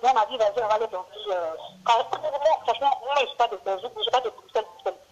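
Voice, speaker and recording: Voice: medium pitch, expressive, rapid-fire. A caller rambling through a long story over the phone, full of restarts. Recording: muffled phone call recording.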